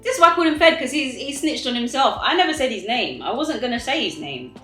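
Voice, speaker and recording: A young woman chats to her viewers as she tells a story, in a bright, punchy voice. She is animated and exasperated, leaning hard on key words and tossing out rhetorical questions. The room adds a noticeable echo and soft music plays underneath. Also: sits high, fast. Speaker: storytime vlogger eating on camera. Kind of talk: casual storytime chat to viewers.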